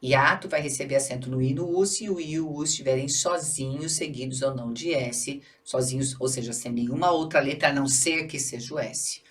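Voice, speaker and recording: Low-voiced Brazilian woman teaching grammar. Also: fairly quick, hardly any pauses, distant mic. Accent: Brazilian Portuguese. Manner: didactic, checks in with "tá bom?" and "certo?"; stretches syllables to demonstrate stress. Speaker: Portuguese teacher. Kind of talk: exam-prep grammar lesson.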